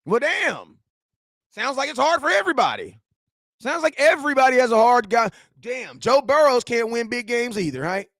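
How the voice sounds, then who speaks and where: A man, reading and answering viewer chat in a slangy, animated sports rant. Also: very high voice, normal speed, no echo, clean studio sound. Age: 40s. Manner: animated, slangy trash talk, shouts at chat. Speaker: sports fan streamer.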